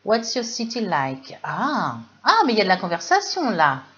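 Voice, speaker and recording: A woman with a French accent teaching English in a live webinar, lively and full of fillers, reading chat questions aloud. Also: mid-range voice, moderate pace. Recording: dull lo-fi webinar audio.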